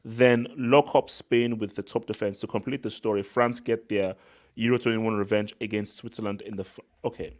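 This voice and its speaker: A man hosting a casual live football reaction chat, slangy and animated, repeating words for emphasis. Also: fairly low pitch, normal speed. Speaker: live stream host.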